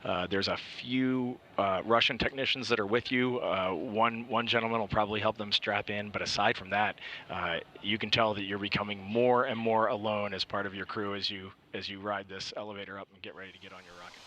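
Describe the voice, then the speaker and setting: A man's voice: on the low side, steady tone, normal speed, bright, forceful tone, slight background noise. A man giving conversational live commentary as an astronaut guest, explaining things informally.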